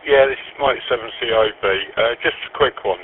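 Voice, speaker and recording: A man's voice: medium pitch, a little fast, breathy edge, no room sound. A man talking over a two-way radio as an amateur operator, keeping to brief radio procedure and signing off each turn. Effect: heard over a two-way radio link. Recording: narrow, phone-like radio audio.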